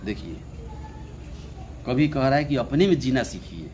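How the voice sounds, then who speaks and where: Slow, repetitive male Hindi teacher. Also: medium pitch, lively intonation, a little mellow, a little hiss or hum. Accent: Indian English. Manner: slow, repeats phrases, reads English lines very slowly. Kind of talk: Hindi poetry lesson explaining a poem.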